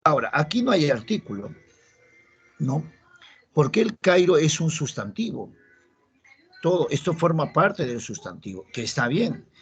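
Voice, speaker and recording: A man's voice: a little high, sing-song, measured pace, long pauses, husky. A male teacher from Peru explaining a grammar lesson step by step and checking in with his students. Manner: explains step by step, asks the class checking questions. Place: classroom.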